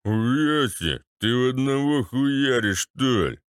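Brief: swaggering drunk ex-paratrooper, voiced by a man, bassy and crude, slow and smooth. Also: lively intonation, no echo, clean studio sound. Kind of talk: audiobook character voice.

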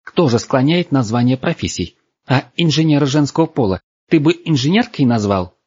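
A man's voice: mid-range voice, big pitch swings, brisk, darkish tone, slightly rough, dry recording, voice pushed up. A man voicing a haughty, furious young woman who shrieks and talks indignantly, in a dull, dry recording.

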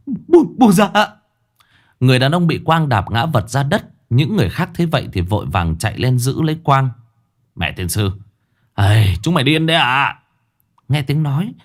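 A man's voice: fairly low pitch, darkish tone. A man narrating a ghost story in a dramatic storytelling manner.

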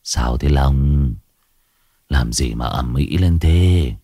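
A man voicing a sick, gruff older brother who coughs and groans. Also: rumbling low, takes it slowly, warm tone, no room sound, studio quality, pitched below the performer's own voice, full character voice. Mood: sick grumbling.

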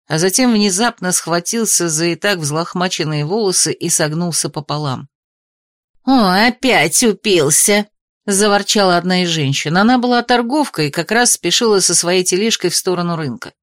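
A woman narrating a novel in a measured, even storytelling voice. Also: on the low side, no echo, studio quality. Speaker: audiobook narrator. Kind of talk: scripted narration.

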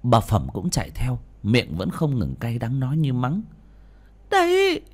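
Dramatic man narrating, wildly expressive. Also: medium pitch, moderate pace, slightly rough. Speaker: audiobook narrator.

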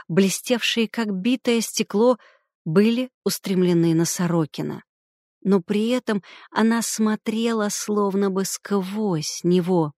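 Brief: woman audiobook narrator, even storytelling read, mid pitch, dry close mic. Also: dry recording. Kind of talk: scripted narration of a crime novel.

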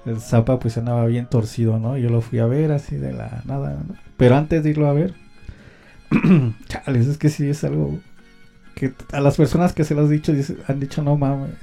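A man's voice: mid-range voice, fairly even intonation, moderate pace, gravelly, dark tone, faint music behind. A Mexican man hosting a homemade radio show, telling a personal story in a rambling, slangy way full of fillers. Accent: Mexican Spanish. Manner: slangy, rambling, many fillers and tag questions. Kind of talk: casual storytelling monologue.

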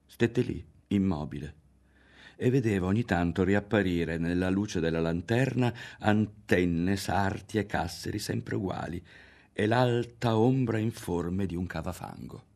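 A man narrating a literary audiobook in a measured, expressive way. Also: deep voice, vocal fry. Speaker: audiobook reader.

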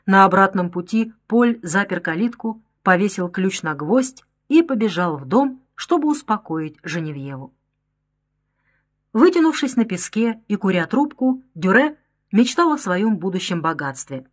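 Woman, audiobook narrator, dramatic adventure reading, expressive. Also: mid-range voice, a little slow. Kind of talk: scripted narration.

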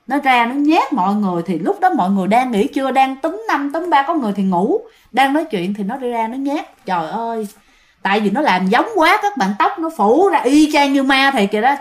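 Woman, casual ghost-story teller, chatty with her listeners; fairly high voice. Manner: chatty, addresses listeners directly.

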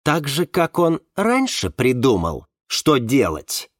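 A man reading a novel aloud, voicing a bitter, sharp-tongued young woman with a raised, biting voice. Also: mid-range voice, very animated, normal speed, dry recording, studio quality, pitched above the performer's own voice. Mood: scornful. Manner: scornful, biting.

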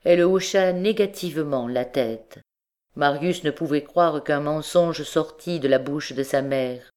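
A woman narrating a classic novel as an audiobook in a measured, deliberate way. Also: low voice, a little mellow. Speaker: audiobook reader.

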